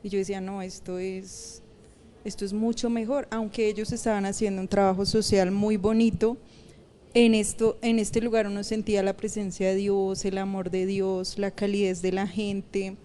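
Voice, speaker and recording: A woman's voice: mid-range voice, level tone, normal speed, mellow. A woman pastor, telling her personal story in an interview and laughing often. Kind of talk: personal testimony in a podcast interview.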